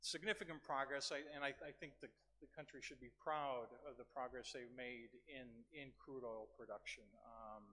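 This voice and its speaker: A man delivers a podium speech at a conference in a mid-pitched voice. He presents formally and slips in modest, informal asides as he goes. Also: steady tone, moderate pace, hardly any pauses, bright, forceful tone. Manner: informal asides, self-deprecating. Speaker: conference speaker. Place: large conference venue, speaking from a podium.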